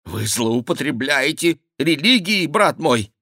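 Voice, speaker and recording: A man voicing a frightened, pleading king who protests in a raised, shrill voice in an audiobook reading. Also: sing-song, slow pace, sharp tone, dry recording, clean studio sound, full character voice. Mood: alarmed.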